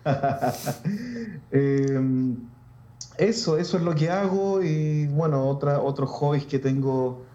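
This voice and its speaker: A Chilean man, a Lutheran pastor, talking reflectively in a casual interview with many restarts and pauses. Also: fairly high pitch, expressive, mellow, reverberant, highs cut off.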